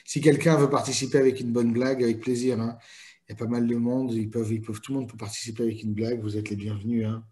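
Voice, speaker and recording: A man's voice: mid-range voice, little pitch movement, fast talker, a little mellow. A young man co-hosting a casual online show, playful and bantering.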